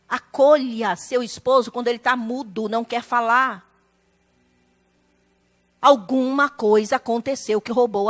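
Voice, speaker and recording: A woman's voice: a little high, a bit bright. A woman pastor preaching a sermon in church, emphatic and acting out the voices of family members.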